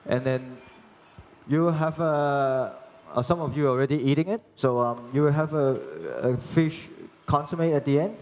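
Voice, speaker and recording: A young man from Hong Kong, working as a chef, giving a live cooking demonstration and explaining each step in a halting way with many restarts. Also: a little high, darkish tone. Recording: long reverb in a large hall.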